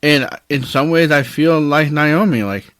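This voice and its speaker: A man's voice: fairly high pitch, a little slow, a bit bright, no room sound. Earnest man sharing faith reflections. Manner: earnest, openly emotional, preacher-like. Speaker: podcast host. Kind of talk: faith-based personal reflection.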